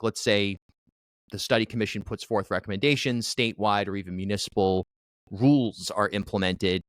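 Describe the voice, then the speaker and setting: A man hosting an interview, asking measured, probing questions. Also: lowish voice, fairly bright tone, dry recording, clean studio sound. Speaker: radio show host. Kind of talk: interview conversation.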